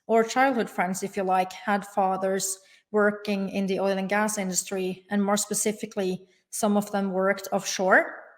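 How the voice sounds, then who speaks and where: Woman from norway, young adult, formal careful answers, middle pitch. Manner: measured and formal, with careful connectives. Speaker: guest. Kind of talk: interview answers.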